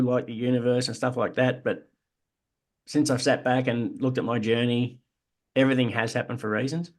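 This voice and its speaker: An Australian man, podcast co-host, telling his own story in an earnest, reflective way. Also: medium pitch. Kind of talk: casual chat.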